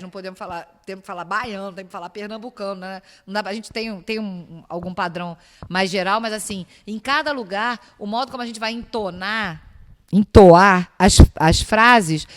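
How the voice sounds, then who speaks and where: A woman's voice: mid-range voice, fairly quick, a bit bright. A woman with a Brazilian Portuguese accent giving an academic lecture, explaining step by step and asking rhetorical questions. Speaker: university lecturer. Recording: long reverb of a lecture hall.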